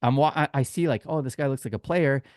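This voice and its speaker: Talking fast in a mid-range, somewhat mellow voice, a man shares anecdotes on a casual sports podcast he co-hosts, acting out the exchanges in a chatty, informal style. The sound is dry and clean, like a studio. He also works as a tour guide.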